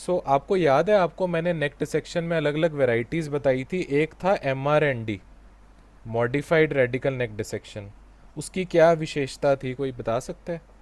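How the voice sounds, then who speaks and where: A man's voice: fairly high pitch, moderate pace, a little mellow. A man teaching an online exam-prep class with an Indian English accent, mixing Hindi and English and quizzing his students. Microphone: video call.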